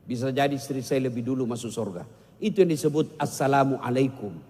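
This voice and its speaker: Here the preacher has a mellow, mid-range voice and talks a little fast. Addressing an audience in a big hall, he delivers a funny sermon full of jokes, banter, and bits of song.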